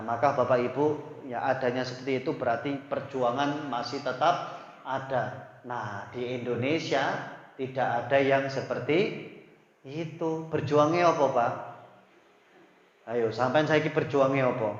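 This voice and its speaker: A man with an East Javanese accent preaching a Quran study sermon, speaking in a lively, colloquial way and teasing the congregation. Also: mid-range voice, a little slow, pauses often. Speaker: preacher giving Quran commentary. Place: mosque hall. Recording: echoey mosque hall, dull sound.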